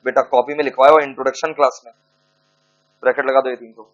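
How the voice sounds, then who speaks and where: A man teaching a law class, joking with and scolding his students and slowly dictating points to write down. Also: mid-range voice, flat delivery, dull audio. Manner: scolding, teasing lecturer mixing Hindi and English, dictating slowly. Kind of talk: classroom lecture.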